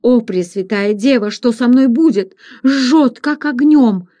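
Woman reader doing a panicky irish servant guy, high wailing voice, begging all frantic. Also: unhurried, mellow, no room sound, lightly acted.

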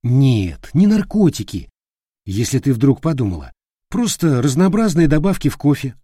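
A man's voice: medium pitch, sing-song, normal speed, mellow, husky, no room sound, studio quality. A man voicing a jumpy, pragmatic young man in an audiobook. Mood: grumbling. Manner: nervous, defensive. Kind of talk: audiobook character voice.

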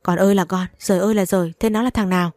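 A woman's voice: mid-range voice, fairly even intonation, very fast, a little mellow, no room sound, close to an everyday voice. A woman voicing a stern middle-aged mother who scolds and laments. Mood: scolding.

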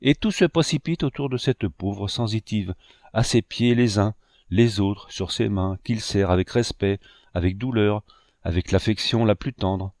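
A man narrating a classic novel aloud in a measured, expressive way. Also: lowish voice, no echo, clean studio sound. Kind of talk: audiobook reading.

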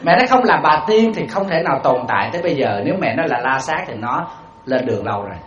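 A man's voice: medium pitch, quick pace. A man giving a storytelling dharma talk as a Buddhist monk, putting rhetorical questions to his audience. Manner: animated, acts out quoted voices. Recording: roomy, slightly dull hall recording.

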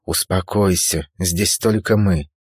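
A compassionate young woman stranger, speaking softly and slowly in a soothing way, as a man reads her lines. The voice stays low and husky, close to the reader's own, in a dry room. It sounds like an audiobook. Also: dry recording, heavily acted. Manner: soft, slow and soothing.

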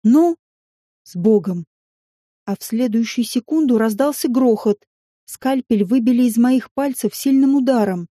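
A woman reads a first-person novel aloud with expressive, lively delivery. Her voice sits a little high but stays soft and mellow. The recording is dry and close. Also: normal speed, dry recording. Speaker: audiobook narrator.

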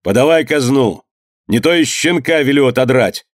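A man voicing a harsh, furious master who shouts scornfully at his servants. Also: medium pitch, lively intonation, normal speed, no room sound, clean studio sound, lightly acted.

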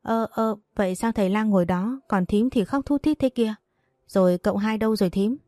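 A woman's voice: mid-range voice, a little fast, mellow, no echo, lightly acted. A woman voicing a clueless young maid who wails and asks bewildered questions.

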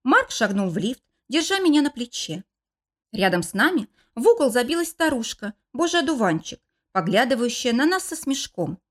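Expressive woman narrating a novel. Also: fairly high pitch, moderate pace. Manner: expressive, lively storytelling. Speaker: audiobook narrator. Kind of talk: first-person novel narration.

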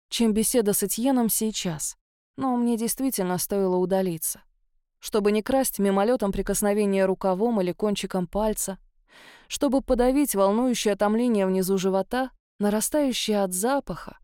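A woman reading a first-person story as an audiobook narrator, in a soft, intimate, confessional manner. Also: mid-range voice, clean tone, no room sound, studio quality.

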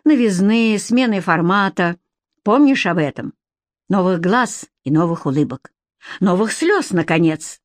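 A woman's voice: fairly low pitch, lively intonation, measured pace, dry recording, studio quality. A woman reading a condescending male TV boss. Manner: mocking, condescending, lecturing. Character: domineering middle-aged male TV boss. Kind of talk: audiobook character reading.

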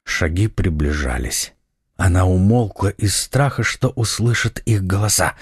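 A man narrating an adventure audiobook in a scripted, expressive, dramatic way. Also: on the low side, slightly rough, dry recording, clean studio sound.

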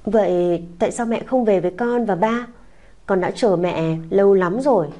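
A woman's voice: mid-range voice, normal speed, mellow, natural voice. A woman voicing a small tearful boy who clings and pleads, in a sobbing, whiny child's voice. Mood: tearful pleading. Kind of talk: audiobook character voice.

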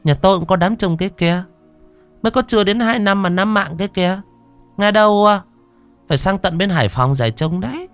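A man doing a high chattering village gossip. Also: brisk, clean tone, no echo, soft background music. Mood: gossipy. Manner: raised, animated gossip.

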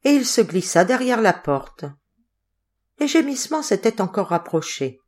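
A woman narrating an audiobook in a steady, expressive reading voice. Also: medium pitch, moderate pace. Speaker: audiobook reader.

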